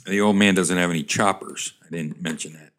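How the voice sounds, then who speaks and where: A man's voice: sits low, steady tone, fairly quick, fairly bright tone. A man describing old cartoon pictures and reading corny jokes aloud, rambling with fillers and hamming up the quoted lines. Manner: rambling, chuckling, hammy voices for quoted characters. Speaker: comedic reader of old joke cartoons. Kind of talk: ad-libbed comic commentary and joke reading.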